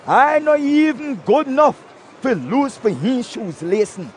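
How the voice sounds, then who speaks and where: An actor playing a fervent desert prophet in a dubbed film, earnest and declamatory, with a Belizean Kriol accent. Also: male voice, very high voice, very animated, a little slow, a little hiss or hum, heavily acted. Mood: fervent proclaiming. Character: fervent male desert prophet, long-haired preacher. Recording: music behind the voice.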